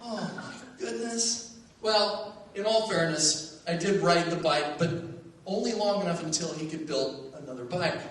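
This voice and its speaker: A man from Arizona telling a story on stage, lively and often laughing as he acts out the voices. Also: on the high side, a little slow. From Phoenix, Arizona, USA. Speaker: storyteller and teacher. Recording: echoey hall, voice from far off, faint noise.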